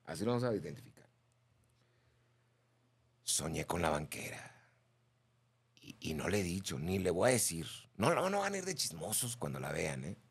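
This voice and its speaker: A man with a Mexican Spanish accent, hosting a radio show and chatting casually while reading listener messages, gossipy and animated. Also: low voice, normal speed, gravelly, long pauses, breathy edge. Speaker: radio host.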